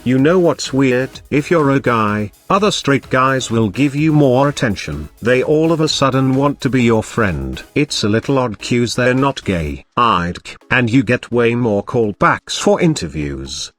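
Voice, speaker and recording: A man reading out online comments in a steady, unhurried narration. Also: mid-range voice. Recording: faint music behind.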